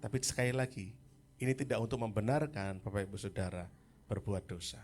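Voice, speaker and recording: A man's voice: lowish voice, a little fast, a little mellow. A man preaching a sermon at a church service, talking casually with the congregation and calling on people by name. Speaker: pastor. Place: church service in a hotel hall.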